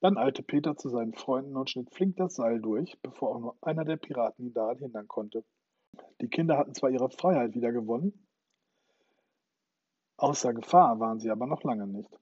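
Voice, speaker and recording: Male storyteller, dramatic reading, husky, dull recording. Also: medium pitch, a little fast, darkish tone, dry recording. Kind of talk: scripted narration of a children's story.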